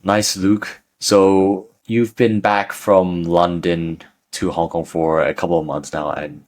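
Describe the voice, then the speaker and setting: A man hosts a casual podcast interview and asks his questions in a chatty, loose way, with plenty of "you know" fillers. His voice sits very low. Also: level tone, slow pace, a little mellow, low-quality recording. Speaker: podcast host.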